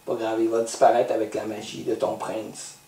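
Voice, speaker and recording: A man's voice: fairly low pitch, little pitch movement, moderate pace, dark tone, far from the mic. Québécois man hosting a kids' cooking lesson, teasing and patient, recorded from afar in an echoey room. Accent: Québécois French. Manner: playful, teasing, patiently instructive. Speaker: host of a kids' cooking show.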